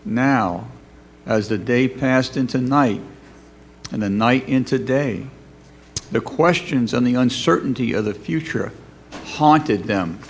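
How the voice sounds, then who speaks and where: Slow, solemn male narrator. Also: medium pitch, a little hiss or hum. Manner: solemn, declamatory. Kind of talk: scripted dramatic narration of a Bible story.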